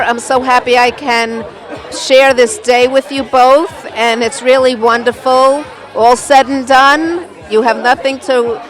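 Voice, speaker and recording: Woman offering halting wedding wishes. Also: a little high, a bit bright, poor audio. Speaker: wedding guest. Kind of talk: heartfelt wedding well-wishes.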